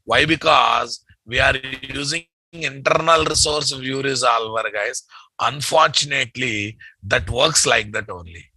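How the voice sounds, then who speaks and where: A man's voice: mid-range voice, unhurried, pushed and bright, breathy edge, no room sound, poor audio. A man with a Telugu Indian English accent lecturing as a programming instructor, emphatic and repetitive, often quizzing his listeners with tag questions. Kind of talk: classroom lecture, repeating terms for dictation.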